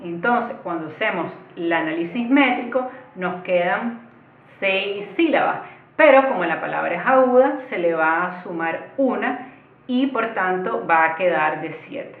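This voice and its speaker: A woman's voice: on the low side, animated, unhurried. A woman teaches an online lesson in a patient, explanatory way and speaks directly to her viewers. Her voice comes through thin and tinny, like over a phone line. Behind it is the echo of a bare room.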